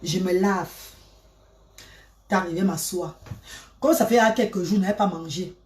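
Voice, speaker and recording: A woman telling a personal story in a dramatic, repetitive way that swings between loud and hushed. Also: on the low side, measured pace. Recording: roomy, from a distance.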